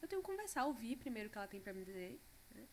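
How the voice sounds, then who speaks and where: A woman's voice: a little high, sing-song, rapid-fire, slight background noise. Brazilian Portuguese-speaking mother, reflective chat. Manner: reflective, many fillers. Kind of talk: casual conversation.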